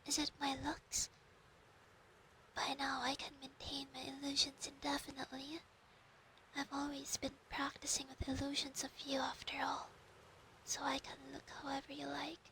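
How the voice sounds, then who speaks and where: A woman voicing a clingy, proud female fox spirit familiar in a whispered role-play, breathy and intimate on a close binaural microphone. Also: sits high, monotone, normal speed, bright, forceful tone, slight background noise, poor audio. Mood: hurt, possessive.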